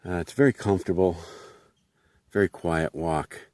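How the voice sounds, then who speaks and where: A man's voice: deep voice, moderate pace, a little mellow, no room sound. A man vlogging casually on an outdoor canyon trail, chatting and explaining plants as he walks. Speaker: hiking vlogger.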